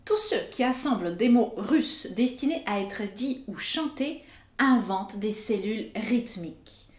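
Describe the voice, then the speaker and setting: A woman narrating an educational video as host, with a clear, didactic delivery. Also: fairly high pitch, animated, unhurried, a little mellow, reverberant. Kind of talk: scripted explanatory narration.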